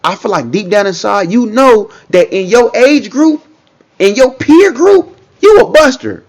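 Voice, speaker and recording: A man's voice: very high voice, animated, unhurried. A man giving casual reaction commentary, talking in a loose, repetitive way and often checking in with the listener. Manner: conversational, repeats himself, frequent "you know what I'm saying".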